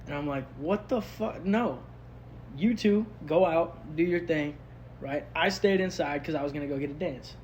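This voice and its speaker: A man's voice: fairly high pitch, a little hiss or hum, rough recording. A man co-hosting a casual podcast, telling a story loosely and swearing, acting out what others said. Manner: loose, profane storytelling with acted-out quotes. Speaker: podcast co-host. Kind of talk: casual chat.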